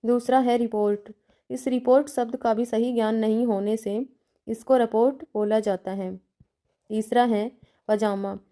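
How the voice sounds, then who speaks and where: Female lecturer, methodical, list-by-list delivery; pitched a little high, dark and mellow in tone. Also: flat delivery, measured pace. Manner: methodical, enumerating numbered points with examples; checks in with "theek hai" between points. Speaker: teacher educator.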